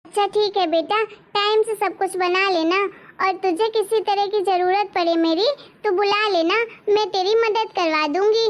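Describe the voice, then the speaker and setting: A woman's voice: very high-pitched, normal speed. A woman voicing a complaining older mother-in-law in a cartoon story. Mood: fretful. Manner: complaining, scolding.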